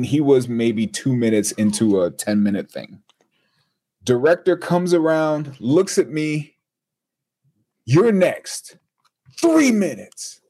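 A man with a husky, breathy voice and a mid-range pitch tells a story as an interview guest. He keeps it animated, acting out the people he quotes as he goes. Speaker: guest, TV and radio personality.

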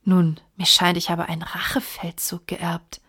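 A woman's voice: on the low side, completely flat delivery, a little slow, sharp tone, husky, heavily acted. A woman reading the part of a plainspoken young male baronet raised in America, in an audiobook.

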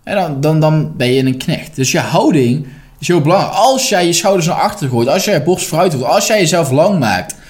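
Emphatic male life coach, lively pitch. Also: a little fast. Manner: direct and emphatic, coaching the listener, with blunt swearing. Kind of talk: motivational podcast monologue.

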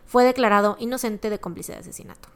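Talking fast in a mid-range voice, a woman co-hosting a casual true-crime podcast goes through a case full of slang and side comments. She has a Mexican accent and a chatty storytelling style.

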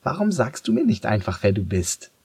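A man's voice: on the low side, big pitch swings, normal speed, a little mellow, breathy edge, no echo, full character voice. A man voicing a spirited, curious little girl who speaks in an indignant, insistent way in a storybook reading.

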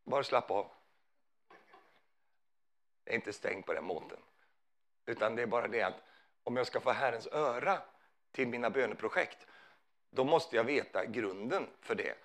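A man's voice: medium pitch, lively intonation, pauses often, a bit bright. A man preaching a sermon in a conversational way, often putting questions to his listeners.

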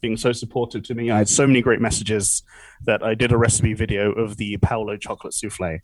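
A man's voice: fairly low pitch, steady tone, brisk, slight background noise, rough recording. A young man chatting as a podcast guest, laughing often and poking fun at himself. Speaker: podcast guest, cruise ship entertainer. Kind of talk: casual interview chat.

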